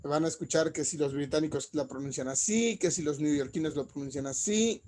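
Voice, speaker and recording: A man teaching an English lesson, saying each phrase in English and then in Spanish, and slowing down to model pronunciation. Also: a little high, a little mellow, a little hiss or hum. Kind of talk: bilingual classroom lesson.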